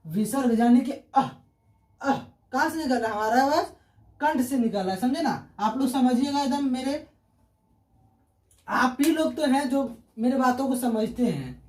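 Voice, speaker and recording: High-voiced teacher quizzing and answering himself. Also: male voice, darkish tone. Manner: asks questions and answers them himself, repeats key terms. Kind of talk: online grammar lesson. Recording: roomy echo, distant from the mic.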